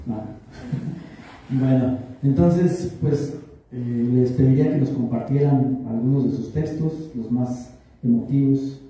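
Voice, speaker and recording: A man moderating a reading session, inviting participants to share their texts in a hesitant, halting way. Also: mid-range voice, dark tone. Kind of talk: casual hosting. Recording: echoey hall from far off.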